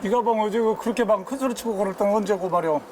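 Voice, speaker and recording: An older man, a stepfather talking bluntly and gruffly with his daughter in a documentary. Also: high-pitched, racing, slight background noise. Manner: gruff, blunt, teasing banter. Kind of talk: casual family talk.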